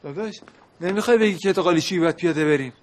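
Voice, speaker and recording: A man playing a meek brother-in-law who keeps pleading for calm, in a sitcom. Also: sits high, lightly acted. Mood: placating. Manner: pleading, placating. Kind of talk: TV sitcom acting.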